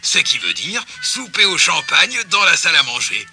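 A man voicing an eager, bold male pig who loves action and leads his friends loudly. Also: a little high, big pitch swings, moderate pace, vocal fry, soft background music, pitched above the performer's own voice, exaggerated voice. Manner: loud, enthusiastic, bossy. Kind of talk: storybook reading.

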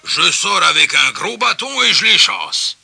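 A man doing a gruff, annoyed homeowner. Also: sits high, sing-song, measured pace, sharp tone, dry recording, pitched above the performer's own voice, full character voice. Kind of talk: storybook reading.

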